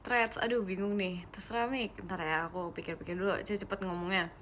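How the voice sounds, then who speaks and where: A young woman idol hosting a casual live stream, chatting quickly and giggling as she reads viewer comments and drops in English phrases. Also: medium pitch, fairly even intonation, fairly bright tone, a little hiss or hum. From Indonesia. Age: young adult.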